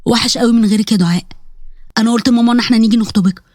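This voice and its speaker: A woman's voice: a little high, fairly even intonation, very fast, a little mellow, no room sound, studio quality, voice pushed down, lightly acted. A woman doing a tender young Egyptian man. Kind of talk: storybook voice acting.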